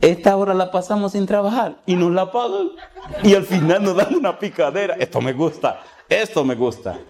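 A man's voice: sits high, moderate pace, a crowd in the background, pitched above the performer's own voice. A man voicing a brash, gossipy young male hotel worker who mocks a preacher. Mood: mocking. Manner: mocking, gossipy, slangy.

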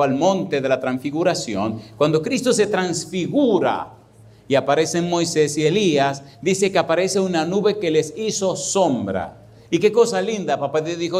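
A man preaching a sermon as a pastor, with lively rhetorical questions and anecdotes where he acts out the people in them. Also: on the high side.

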